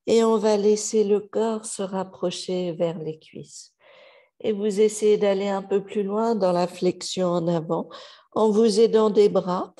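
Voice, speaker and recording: Female yoga instructor, soft counted cues, dark mellow tone, slow delivery. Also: mid-range voice. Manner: slow, calm cueing with soft counted breaths. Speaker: yoga teacher. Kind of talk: guided yoga class instruction.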